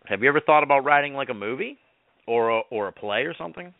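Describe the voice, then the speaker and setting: A man's voice: medium pitch, animated, fast, vocal fry, no echo. A man hosting a casual radio chat, teasing and sarcastic with his guest. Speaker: radio host. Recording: dry phone-like radio sound.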